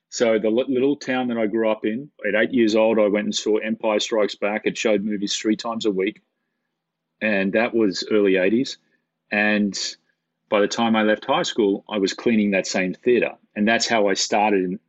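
Man, middle-aged, low voice, rambling anecdotes, repeats himself, muffled dry recording. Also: no echo. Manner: rambling, repeats words, self-deprecating humor. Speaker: camera operator guest. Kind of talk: casual interview storytelling. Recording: dull, dry, lo-fi sound.

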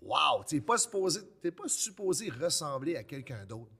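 A man's voice: fairly high pitch, moderate pace, breathy edge. A man with an Acadian French accent, a pro wrestler telling stories in casual chat and acting out what people said to him. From New Brunswick, Canada. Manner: animated storyteller, acts out quotes.

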